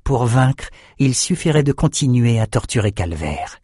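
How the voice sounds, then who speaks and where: A man narrating a fantasy audiobook in a steady, measured reading. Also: medium pitch, breathy edge, no room sound, clean studio sound.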